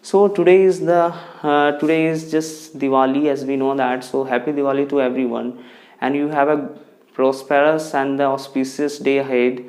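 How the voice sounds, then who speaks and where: A young man teaching pronunciation in a casual video lesson, repeating words slowly and often restarting his sentences. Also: mid-range voice, little pitch movement, darkish tone. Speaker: English tutor.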